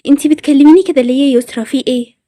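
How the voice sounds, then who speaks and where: A woman's voice: high voice, rapid-fire, mellow, dry recording, studio quality, natural voice. A woman with an Egyptian accent voicing a friendly schoolgirl who pleads that she is innocent. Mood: pleading. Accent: Egyptian Arabic. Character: friendly schoolgirl wrongly accused.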